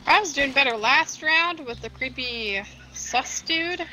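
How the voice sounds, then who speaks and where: A woman's voice: high voice, animated, unhurried, background noise. A woman chatting while playing a game with friends, laughing often at herself and swearing when caught off guard. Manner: giggly, self-mocking, swears when startled. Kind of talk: casual chat while gaming.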